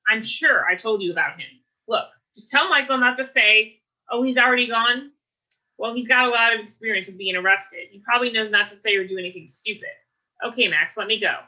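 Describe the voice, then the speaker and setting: A woman reading aloud, voicing a chirpy, lively young woman at an office desk. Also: on the high side, brisk, rough recording. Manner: chirpy, flustered.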